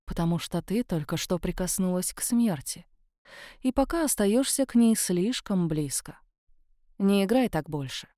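A woman voicing a sardonic female ghost of a dead woman, speaking low and mocking, in an audiobook. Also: expressive, moderate pace, mellow, no room sound, studio quality, lightly acted. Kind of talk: audiobook character voice.

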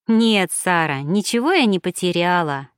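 A woman reading an audiobook, voicing a cheerful, playful and stubborn young noble lady in a bright, lightly teasing way. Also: on the low side, animated, normal speed, clean tone, no room sound, studio quality, close to an everyday voice.

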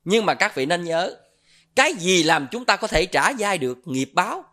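This is a middle-aged man from Southern Vietnam, judging by his accent, delivering a dharma talk as a Buddhist monk. He tells stories and tests the audience with questions in a high, very animated voice that sounds pushed and bright, at a moderate pace.

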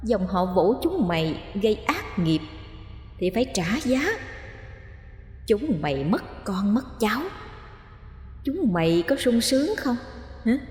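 Woman voicing a hushed, mocking vengeful ghost. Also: medium pitch, sing-song, takes it slowly, pauses often, reverberant, in a large hall. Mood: menacing.

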